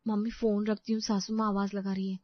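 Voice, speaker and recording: An excitable, emotional young bride from an animated story, as a woman narrator voices her, bright and high-pitched. She sounds affectionate and shy by turns. The audio is dry and slightly dull. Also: brisk, no echo, close to an everyday voice.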